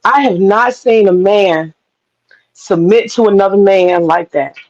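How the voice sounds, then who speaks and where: A woman's voice: mid-range voice, unhurried. A woman guest on a live-stream panel, chatting casually and emphatically over a video call. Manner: emphatic, animated storytelling. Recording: dull lo-fi call audio.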